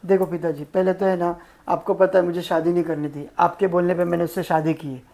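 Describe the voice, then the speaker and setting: A man's voice: high voice, flat delivery, fairly quick, warm tone. A man playing a blunt, dismissive young husband in a family drama.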